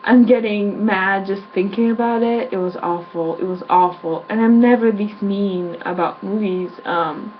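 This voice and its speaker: A woman's voice: mid-range voice, a little slow, hardly any pauses, dull audio, a little hiss or hum. A woman reviewing a film in a casual vlog, blunt and exasperated, swearing as she rants.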